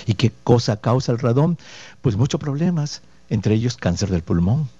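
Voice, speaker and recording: Dark-voiced male radio doctor. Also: medium pitch, expressive, moderate pace, husky, no echo. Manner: explanatory, rhetorical questions and tag checks; folksy diminutives and patient repetition. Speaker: radio doctor host answering listener questions. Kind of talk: radio health call-in advice. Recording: dull, dry lo-fi radio studio audio.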